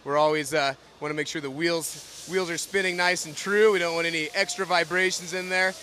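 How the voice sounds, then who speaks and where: A man who manages a factory, explaining the production steps in a steady, knowledgeable way. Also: a little high, brisk, a little hiss or hum. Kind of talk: technical explanation.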